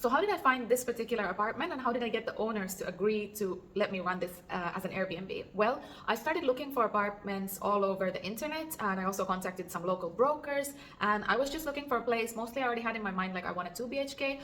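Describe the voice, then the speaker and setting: A woman's voice: medium pitch, a bit bright, slight background noise. A woman in her thirties from Finland, chatting earnestly to camera in an apartment, with fillers. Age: 30s. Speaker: vlogger and Airbnb host. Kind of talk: casual vlog talk to camera. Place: apartment indoors.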